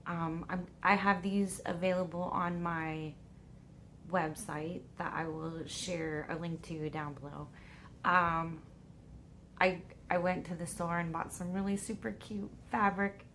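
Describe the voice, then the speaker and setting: Woman, hoarse from a cold, deep husky voice, chatty and excitable, home by a window. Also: measured pace, slight background noise. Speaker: tarot vlogger. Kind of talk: casual chat.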